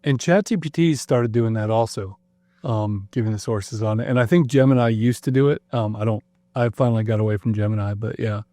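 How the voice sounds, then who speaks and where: A man guesting on a podcast, explaining in a relaxed, agreeable way. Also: lowish voice, fairly quick, dry recording. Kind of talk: casual conversation.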